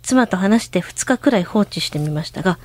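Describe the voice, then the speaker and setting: A woman's voice: medium pitch, expressive, brisk, no echo. A woman co-hosting a radio show, reading a listener's letter aloud.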